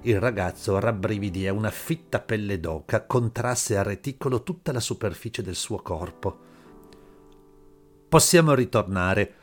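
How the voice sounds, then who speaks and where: A man narrates a story in a steady, measured way, his voice sitting on the low side. A soft bed of music is just audible beneath the reading. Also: husky. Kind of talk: audiobook narration. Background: faint background music.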